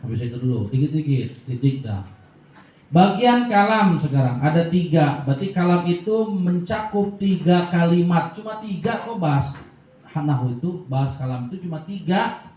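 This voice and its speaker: A man's voice: on the high side, expressive, normal speed. A man, teaching grammar from a classical text in a casual way that asks and answers his own questions. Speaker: religious teacher. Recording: echoey, dull room recording.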